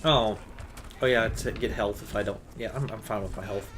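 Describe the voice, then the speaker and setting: A man's voice: lowish voice, steady tone, moderate pace, noisy background. Rambling, swearing young man gamer. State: sore, scratchy throat. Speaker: host. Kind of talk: casual chat while gaming.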